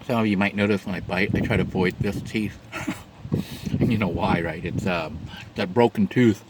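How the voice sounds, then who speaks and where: A man's voice: deep voice, normal speed, heavy background noise. A man vlogging from inside his parked van, chatting unhurriedly as he eats and describes his food in detail. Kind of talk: mukbang eating commentary.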